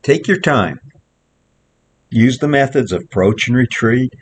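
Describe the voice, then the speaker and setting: A man's voice: medium pitch, animated, a little slow. A male horse trainer gives plainspoken commentary while working a horse outdoors in the snow, repeating short coaching phrases. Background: wind.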